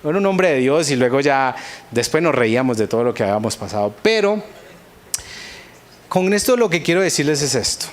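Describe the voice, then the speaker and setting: A man's voice: mid-range voice, big pitch swings, brisk. A man with a Colombian accent preaching a sermon, telling a personal story and acting out his own past prayers with earnest feeling. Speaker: pastor.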